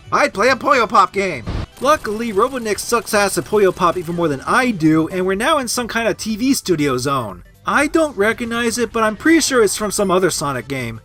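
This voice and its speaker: Here a man parodies an enraged gamer in a comedic video game review, swearing and ranting with exasperation. The scripted narration erupts into outbursts, and his high-pitched voice has a bright, forceful tone.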